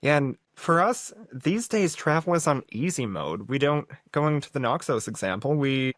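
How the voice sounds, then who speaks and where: A man's voice: medium pitch, dry recording, clean studio sound. A man hosting a podcast, chatting casually and often restarting his sentences. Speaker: podcast host. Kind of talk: casual conversation.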